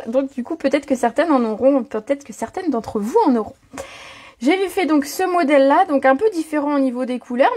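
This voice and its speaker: A woman's voice: high voice, darkish tone, breathy edge. A woman hosting a live card-making tutorial, chatty and full of fillers, greeting viewers by name as she demonstrates. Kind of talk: live-streamed craft tutorial. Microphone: home setup, own mic.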